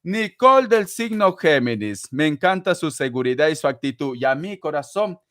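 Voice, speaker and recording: A man's voice: fairly high pitch, sing-song, moderate pace, a bit bright. A man in his forties, a tarot reader on a live stream, reading out viewer donations in a theatrical, gushing way and calling them sweetheart. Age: 40s.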